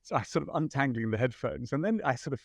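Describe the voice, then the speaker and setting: British man, guest storyteller, mid-pitched, rambling and self-deprecating, dry close sound. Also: animated, fast talker, gravelly, dry recording. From Britain. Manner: rambling anecdotal, self-deprecating, frequent restarts. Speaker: podcast guest, photographer. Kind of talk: conversational storytelling.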